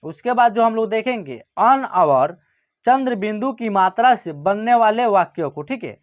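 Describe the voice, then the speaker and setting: A man teaching a reading lesson who says each word slowly and twice, checking often that listeners follow. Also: sits high, animated. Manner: often adds "ठीक है ना" and "समझ गए ना". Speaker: Hindi teacher. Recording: muffled lo-fi recording.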